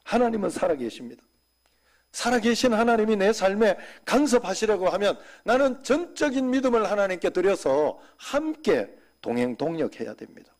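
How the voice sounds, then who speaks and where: A man preaching a sermon as senior pastor, talking conversationally and dropping suddenly to soft, quiet asides. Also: high voice, big pitch swings, moderate pace.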